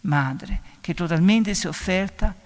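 A man, a priest, giving an emphatic homily, raising his voice on key phrases. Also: a little slow. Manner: emphatic preaching, often rising in pitch and volume on key phrases. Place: church. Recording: long reverb of a church.

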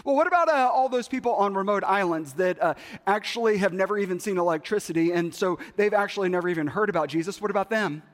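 A man's voice: sits high, expressive, unhurried. A man voicing a skeptical older church chairman who keeps pressing questions, in a sermon. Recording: long hall reverb.

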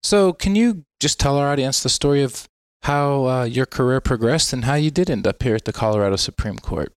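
A man's voice: mid-range voice, animated, brisk, no room sound, clean studio sound. A man hosting a podcast, reading a scripted intro with an upbeat, announcer-like delivery before asking his guest interview questions in a judge's chambers. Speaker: podcast host. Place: judge's chambers in a court building.

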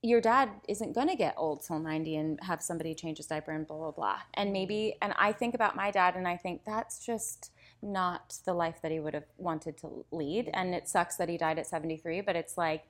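A woman's voice: fairly low pitch, brisk. A woman in casual conversation, telling personal family stories candidly and acting out the people in them. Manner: candid storyteller, animated impressions. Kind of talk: casual chat.

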